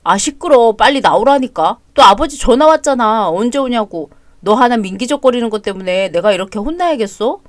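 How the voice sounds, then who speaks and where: A woman's voice: a little high, expressive, fairly quick, hardly any pauses, dry recording, studio quality, natural voice. A woman voicing a selfish, lazy young husband in an audio drama story, talking in a dismissive, whiny way.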